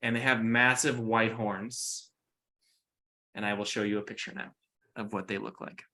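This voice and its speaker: A man narrating a tabletop role-playing game as game master, with halting, conversational descriptions. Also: on the low side, flat delivery, pushed and bright.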